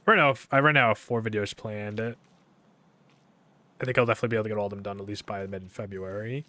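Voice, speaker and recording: A young man streams a game, rambling casually in a low, fast monotone full of fillers and restarts.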